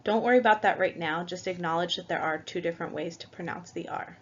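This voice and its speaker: A woman's voice: on the low side, fast, breathy edge. A woman teaching a Spanish language lesson, going through the alphabet letter by letter and patiently spelling out each example. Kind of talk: slow, careful language lesson. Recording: dull lo-fi recording.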